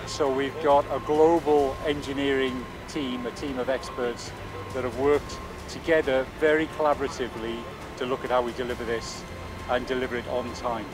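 Project engineer, mid-pitched voice, explains steadily outdoors on site, music under. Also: male voice, flat delivery, normal speed. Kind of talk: on-site interview. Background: music bed.

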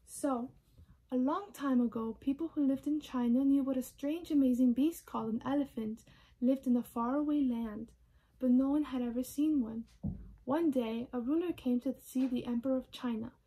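A woman volunteer reading a children's story aloud in a gentle, expressive storytelling manner. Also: sits high, normal speed, slightly rough.

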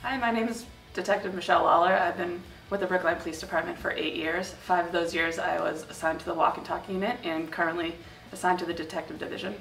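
A woman's voice: on the low side, fairly even intonation, fast, vocal fry. A young woman, a police detective, speaking casually in an interview testimonial and sometimes searching for words. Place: studio with curtain backdrop. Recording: roomy studio, distant mic, soft music.

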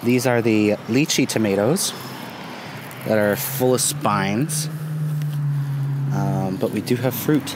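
A man in his thirties giving a relaxed, casual tour of his garden while filming outdoors on a phone held at arm's length, with plenty of ums and uhs. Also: lowish voice, slow, pauses often. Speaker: gardening vlogger. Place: outdoors in a sunny community garden. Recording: outdoor phone recording with traffic noise. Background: passing traffic and outdoor ambience.

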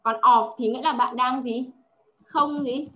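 A woman's voice: sits high, steady tone, a little slow, sharp tone. A woman tutoring one-on-one, patiently drilling words and checking understanding often. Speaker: English tutor. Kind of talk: one-on-one language lesson.

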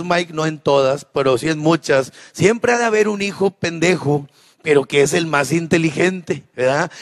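A man's voice: high-pitched, fairly bright tone. A man with a Mexican accent telling a comedy monologue, talking straight to the audience and often adding tag questions. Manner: chatty, addresses the audience directly with frequent tag questions.

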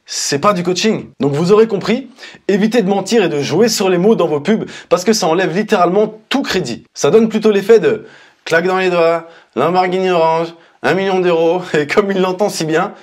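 A higher-pitched man in his thirties picks apart an advert with blunt sarcasm and casual slang. His voice has a husky edge, and he talks into a clip-on mic in a small dark studio. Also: fairly quick. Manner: mocking, blunt, informal. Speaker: marketing commentator. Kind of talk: sarcastic ad critique. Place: indoor studio, dark backdrop. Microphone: lapel mic.

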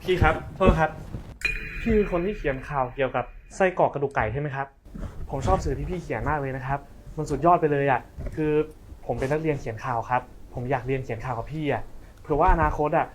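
Actor playing an excitable, fast-talking young man. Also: mid-range voice, slight background noise, close to an everyday voice. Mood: eager. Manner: excitable, fawning. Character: eager young man who stirs up online outrage.

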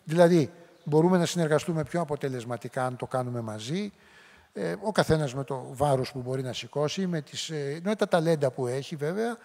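A middle-aged man with a high voice gives a public lecture in a hall with a long reverb tail. He talks in a conversational way and slips into short quoted voices as examples. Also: animated, a little mellow. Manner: conversational, acts out quoted lines.

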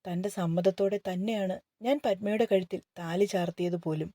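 A woman's voice: medium pitch, dark tone, dry recording, close to an everyday voice. A woman voicing a devoted young husband.

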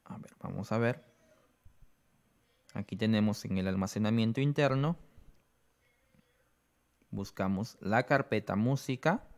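A man's voice: on the low side, a little mellow. Man walking through an app step by step. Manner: explains slowly, often adds "¿no?". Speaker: app tutorial presenter. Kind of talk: step-by-step how-to explanation.

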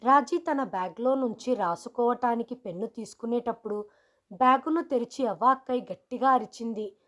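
A woman reads a story aloud in a steady, even manner. Her voice sits high, and she keeps an unhurried storytelling pace. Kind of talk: scripted story narration.

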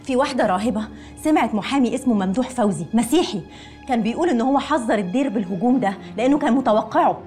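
A woman's voice: a little high, animated, racing, dark tone, faint music behind, natural voice. An actress playing an anxious, outspoken young woman with an Egyptian accent in a TV drama. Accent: Egyptian Arabic.

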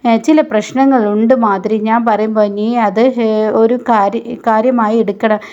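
A woman's voice: on the high side, fairly even intonation, normal speed, a little mellow, dull audio, close to an everyday voice. A woman reading the lines of an old grandmother urging a family ritual, in her own voice. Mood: earnest.

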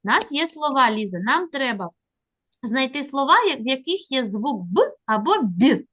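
A woman teaching a child to read on a video call, patient and encouraging, drawing her prompts out slowly. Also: sits high, sing-song, fairly bright tone. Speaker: literacy teacher. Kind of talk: online reading lesson with a child.

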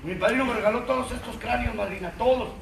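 A high-pitched man with a Mexican Spanish accent tells his story to a recovery group, crude and mocking, swearing at every turn. He sounds far from the mic in an echoing meeting room. Steady background noise runs under his voice. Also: fast, creaky. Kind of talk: profane testimony to a group. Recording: distant, roomy, noisy room recording.

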